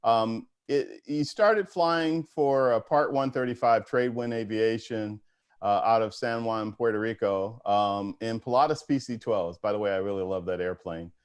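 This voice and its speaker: A man's voice: fairly low pitch, normal speed, clean tone. A man asking interview questions in a conversational way, keen on aviation.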